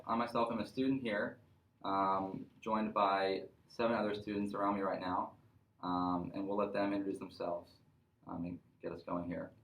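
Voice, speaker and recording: A young man in his twenties hosts a casual student podcast, talking in a measured, halting way with many fillers. His voice sits low. It echoes around the room. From North Carolina, USA. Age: 20s. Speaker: podcast host.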